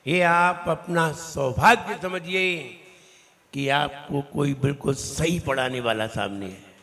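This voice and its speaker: A man, a Jain monk, teaching a recitation class in a temple hall, correcting his students' pronunciation and slowly drilling each syllable. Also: a little high, bright, forceful tone. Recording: long reverberant hall.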